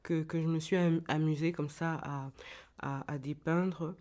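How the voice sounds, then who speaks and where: A woman's voice: sits low, fairly even intonation, a little slow, a little mellow. A woman novelist and former journalist who lives in Kinshasa, answering an interviewer's questions in a hesitant way, with many restarts and repeated words.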